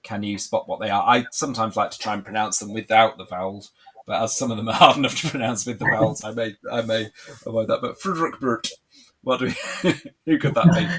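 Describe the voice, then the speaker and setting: A man's voice: fairly low pitch, fairly quick, fairly bright tone, a little hiss or hum. A man co-hosting a casual live quiz lesson as a tutor, light-hearted and encouraging.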